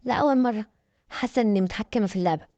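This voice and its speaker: A woman's voice: mid-range voice, rapid-fire, mellow, no echo, highs cut off. A woman with an Egyptian accent dramatically narrating a first-person story. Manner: dramatic, emphatic.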